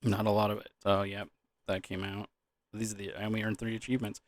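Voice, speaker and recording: A man's voice: fairly low pitch, level tone, fast talker, no room sound. A young man in a loose, drunken, rambling casual chat about gaming, trailing off, repeating words and swearing casually. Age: young adult. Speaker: gaming vlogger.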